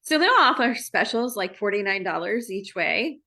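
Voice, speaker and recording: A middle-aged woman from Maryland joins a podcast as a guest. Her voice is bright and forward, and she talks in a friendly, unhurried way, often pausing on fillers. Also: medium pitch. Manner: friendly, relaxed, many fillers and restarts. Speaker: guest real estate agent. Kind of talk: casual conversational interview.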